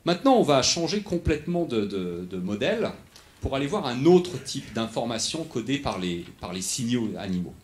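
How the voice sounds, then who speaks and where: A man's voice: medium pitch, big pitch swings, moderate pace, a little hiss or hum. A man giving a lecture, explaining step by step, often restarting and checking in with the audience. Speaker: researcher giving a lecture on animal acoustics.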